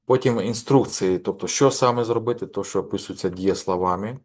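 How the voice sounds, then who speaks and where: A man's voice: lowish voice, brisk, darkish tone. A man giving a course lecture, hesitant, with many fillers and restarts.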